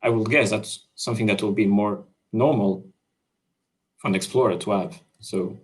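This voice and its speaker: Hesitant Swiss-born man, lowish voice. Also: fairly even intonation, moderate pace. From Switzerland. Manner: hesitant, many fillers and restarts. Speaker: crypto developer. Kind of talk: casual video call chat.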